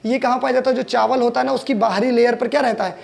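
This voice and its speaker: High-voiced male exam-prep science teacher. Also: steady tone, quick pace, creaky, a little mellow. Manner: asks the class questions and answers them himself; explains step by step, repeating key terms.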